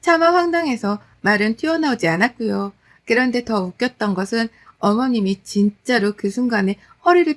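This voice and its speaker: A woman telling her own story as a daughter-in-law, in steady, conversational scripted narration with wry exasperation. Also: a little high.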